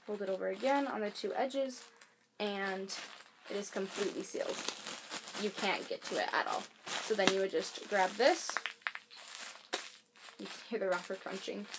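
A young woman beauty and advice vlogger speaks in a mid-range voice at a moderate pace, with long pauses. Her loose product demo talk rambles, is filler-heavy and self-correcting, captured on a home camera mic with faint air conditioner hiss.

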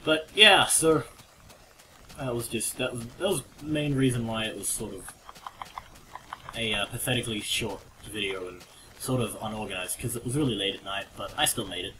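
A chatty man rambles through casual game commentary at an ordinary pitch, breaking into sudden excited yelps. The home recording is noisy, with keyboard clicks rattling behind him. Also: normal speed. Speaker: let's play commentator. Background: keyboard typing and clicks.

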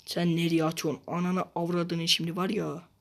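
A man playing a football video game, swearing constantly and repeating the same phrases in frustration, switching between low muttering and sudden shouts. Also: little pitch movement, moderate pace, gravelly. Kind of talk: casual gameplay commentary.

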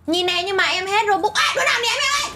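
A young woman, squealing and whining excitedly while playing a game. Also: very high voice, racing, soft background music. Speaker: co-player. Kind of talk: playful gameplay chat.

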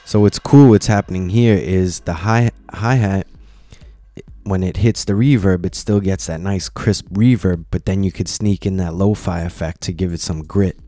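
Low, mellow-voiced man walking through a tutorial. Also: fairly even intonation, normal speed, dry recording. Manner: casual, explains step by step with many "you know"s. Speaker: tutorial presenter. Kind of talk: screen-recorded software tutorial.

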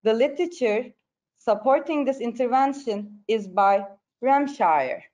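A woman from Turkey with a Turkish accent gives a formal academic presentation that she reads carefully. Her voice is a little high, darkish in tone, animated and unhurried, and she is a periodontology postgraduate. The online presentation audio is dull and lo-fi.

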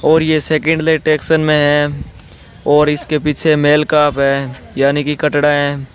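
A man's voice: a little high, monotone, slow pace, a little hiss or hum. A man hosting a farm video, walking through a dairy yard and talking in repetitive sales patter about buffalo for sale. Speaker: channel host showing buffalo for sale. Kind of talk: video tour commentary.

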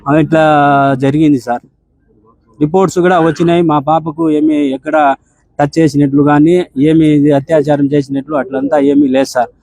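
On a phone call, a bereaved father with a Rayalaseema Telugu accent gives a respectful, deferential account, ending his sentences with "sir." His voice is on the high side, steady, brisk and mellow, in a low-quality recording with no echo.

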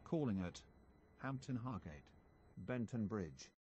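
A man's voice: on the low side, measured pace, lo-fi sound, background noise. A man's voice in an automated train announcement built from separately recorded words and names, clipped and joined together. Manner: flat clipped phrases, each name dropped in separately. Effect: automated station announcement spliced together from prerecorded words. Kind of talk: recorded public transport announcement.

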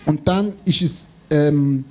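High-pitched Swiss German man telling stories. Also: slow, slight background noise. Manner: animated storytelling, acting out dialogue. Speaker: comedy show panellist. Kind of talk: live anecdote telling on stage. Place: on stage in a theatre before an audience. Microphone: handheld or stand microphone held close.

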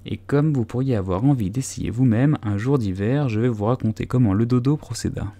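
A man's voice: mid-range voice, a little fast, dark tone, lightly acted. A man voicing a solemn, wordy dodo bird in a storybook reading. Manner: solemn, long-winded.

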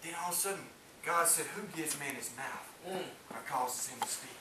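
A fervent, high-voiced male preacher speaks at a moderate pace, his Pentecostal-style sermon rising and falling as he calls for amens to a small congregation. The echoey church hall is recorded from a distance by a camera with no mic seen, with faint hiss.

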